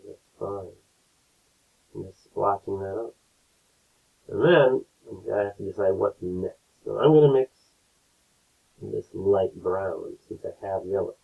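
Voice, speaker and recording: A man teaching a painting lesson step by step, his audio a low-quality, tinny stream as he keeps checking in with his students. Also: creaky, husky. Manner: relaxed, explains step by step, keeps checking in with "right?". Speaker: art teacher. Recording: tinny lo-fi phone-like sound.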